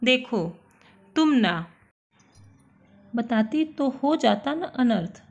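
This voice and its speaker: A woman's voice: high voice, expressive, takes it slowly, gravelly, darkish tone, heavily acted. A woman voicing a stern, scheming male master of the house who speaks in a hard tone, in a dull lo-fi recording.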